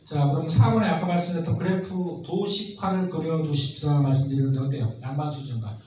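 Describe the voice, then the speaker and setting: A man giving a lively history lecture who asks his students constant questions and acts out the people he quotes. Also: fairly high pitch, a little fast. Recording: very echoey room, mic at a distance, faint noise.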